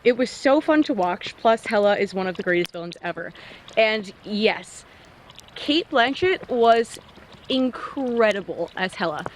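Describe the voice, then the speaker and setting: A woman's voice: medium pitch, animated, unhurried, slight background noise, low-quality recording. A young woman co-hosting a casual vlog outdoors in the snow, chatting in a bubbly way and laughing often. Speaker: vlog co-host. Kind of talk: casual chat.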